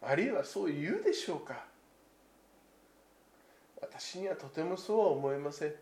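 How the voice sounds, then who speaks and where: Male pastor, fairly high voice, slow reflective sermon, echo of a church hall. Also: lively intonation, a little mellow. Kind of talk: Christmas sermon.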